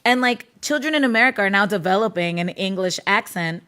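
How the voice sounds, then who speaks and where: A woman with a Puerto Rican accent co-hosting a podcast, telling stories in a lively, laughing way. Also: mid-range voice, fairly quick, smooth. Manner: animated storytelling, laughs often. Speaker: podcast co-host. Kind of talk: casual chat.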